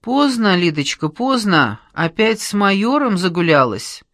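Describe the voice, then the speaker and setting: A woman reader voicing a brash, loud young woman who complains and scolds in a shrill voice. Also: moderate pace, no room sound, clean studio sound, lightly acted. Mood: teasing.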